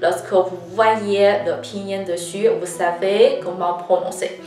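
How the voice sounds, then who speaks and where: A Chinese woman with a Chinese accent giving a patient language lesson, often pausing on "euh" as she explains. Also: medium pitch, fairly even intonation, darkish tone. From China. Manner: frequent hesitations with "euh", deliberate and patient. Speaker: Chinese teacher. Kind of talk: slow, careful language lesson. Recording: roomy, slightly distant mic with faint guitar music.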